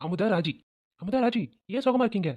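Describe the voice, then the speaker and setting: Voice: mid-range voice, lively intonation, darkish tone, no echo, lightly acted. A voice actor playing a theatrical young wife who fakes tears in a cartoon family drama. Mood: breezy. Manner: pert, quick, dramatic. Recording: dry, phone-like lo-fi sound.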